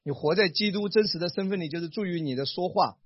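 A man preaching a sermon as pastor, animated and acting out the lines he quotes. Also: sits high, fast, slightly rough, no room sound, muffled recording.

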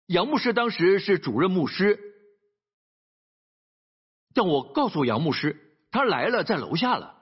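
A male pastor delivers a sermon in an animated storytelling style, with frequent rhetorical asides to his listeners. His voice is high, husky and very lively in pitch. The sound is dull and lo-fi, like a radio broadcast. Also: measured pace, long pauses.

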